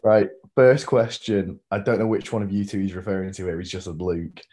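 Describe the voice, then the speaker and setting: A man's voice: low-pitched, steady tone, a little fast, warm tone, slight background noise. A man hosting a podcast, asking the questions and teasing his friends in an upbeat, casual way. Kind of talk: casual chat.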